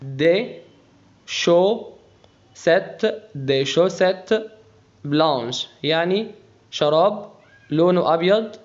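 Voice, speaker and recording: A man with an Egyptian Arabic accent teaches beginners, slowly spelling out each word one sound at a time. His voice sits a little high, and he takes an unhurried pace. The recording is dull and lo-fi. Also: animated. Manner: slow, spells out pronunciation letter by letter. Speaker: French teacher. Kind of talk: beginner language lesson.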